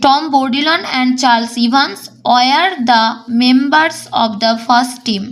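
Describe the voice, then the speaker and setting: A woman teaching an exam-prep English lesson. She reads English lines slowly, then explains them briskly. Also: high voice, fairly bright tone.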